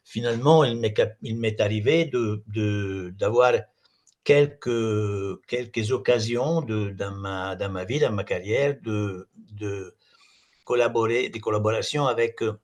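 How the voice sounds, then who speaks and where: A man with an Italian accent, a native Italian speaker, giving an academic talk in halting French, repeating words as he searches for them. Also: lowish voice. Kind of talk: semi-improvised academic talk.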